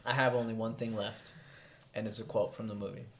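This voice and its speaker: A man co-hosting a relaxed movie conversation. He tells stories with animation, laughs through his lines and keeps the banter rolling. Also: on the low side, a little fast. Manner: animated storyteller, laughs often. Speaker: podcast co-host. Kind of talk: casual movie chat.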